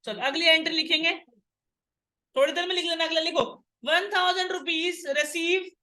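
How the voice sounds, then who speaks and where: A woman lecturing a classroom on accounting entries. Her voice sits high and sounds bright and sharp. She drills the students with quick questions and teases them for their mistakes. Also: steady tone. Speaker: accounts teacher.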